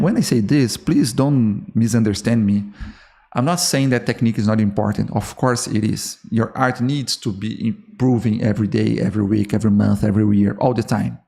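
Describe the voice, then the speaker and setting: On his own solo podcast, a Brazilian Portuguese-accented man speaks directly to other artists in an earnest, dark-toned voice of middle pitch, gravelly and touched with fry. Because English is his second language, he repeats and restarts words and keeps asking "okay?".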